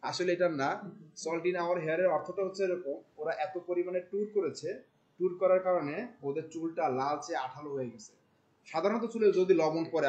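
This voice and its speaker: Guy teaching a marketing class, kinda high voice, keeps asking the room questions. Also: highs cut off. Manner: questions the class often, mixing in English words; colloquial, animated explaining. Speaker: marketing instructor. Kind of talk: classroom lecture.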